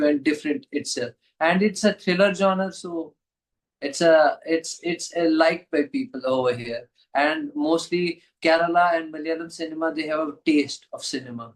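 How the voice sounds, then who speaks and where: A man with a Kashmiri accent speaks as an interview guest. His voice sits a little high for a man. He is earnest, reaching for phrases in halting non-native English and often repeating them. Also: rough recording. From Kashmir, India. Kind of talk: interview conversation.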